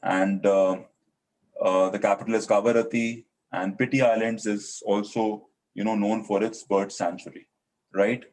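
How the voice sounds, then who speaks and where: A man with an Indian accent hosting a live session, presenting and introducing a guest in a hesitant, halting way. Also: on the low side, little pitch movement, a little mellow, a little hiss or hum.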